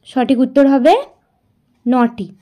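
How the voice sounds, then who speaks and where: Slow, patient woman teaching grammar. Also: high voice, warm tone. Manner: slow, patient, asks and answers her own questions. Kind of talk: grammar lesson for school students.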